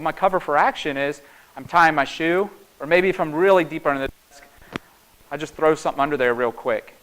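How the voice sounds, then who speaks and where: A man's voice: fairly high pitch, fairly bright tone, low-quality recording. A man with a Southern Appalachian American accent gives an informal conference talk in a folksy, conversational way, often checking in with "right?" and "okay?". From small town in North Carolina, United States. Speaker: conference speaker, security penetration tester. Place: live talk before an audience.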